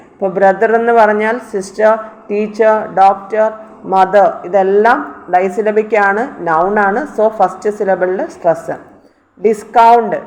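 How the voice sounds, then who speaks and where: A woman's voice: mid-range voice, rough recording. A woman teacher explaining word stress to students, repeating words and spelling them out letter by letter. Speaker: English teacher.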